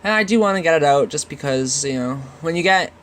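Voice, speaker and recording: A man with a stuffy, nasal voice from a cold, casually talking through his digital drawing process with many pauses and restarts. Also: a little high, animated, fairly bright tone, a little hiss or hum. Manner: halting, many ums and restarts. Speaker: digital art video host. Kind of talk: casual draw-along commentary.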